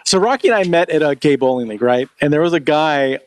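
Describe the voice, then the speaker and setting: A man's voice: fairly high pitch, expressive, fast talker, clean tone. A man from the United States hosting a podcast, chatting and telling stories casually with teasing jokes and some swearing. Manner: joking, teasing, profane. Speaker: podcast host. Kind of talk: casual chat, storytelling.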